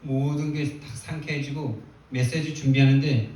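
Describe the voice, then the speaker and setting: Male pastor, sermon, lively storytelling, medium pitch, echoey sanctuary, faint background noise. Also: moderate pace. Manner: storytelling, animated retelling with quoted prayers. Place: church sanctuary. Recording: echoey church hall from far off.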